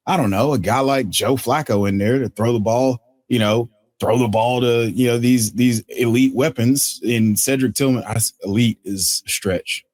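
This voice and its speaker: A man hosting a casual fantasy football waiver breakdown, excitable and joking, correcting himself on the fly. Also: mid-range voice. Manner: excitable, joking asides, quick self-corrections. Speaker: fantasy football analyst host. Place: at a desk indoors.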